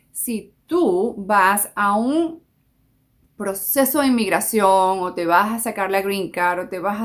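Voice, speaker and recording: A woman giving job-search advice in a conversational style, speaking straight to her listeners and switching into English to act out phone calls. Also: mid-range voice. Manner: conversational and explanatory, addressing listeners directly. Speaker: career and job-search advisor. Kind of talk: direct-to-camera advice talk.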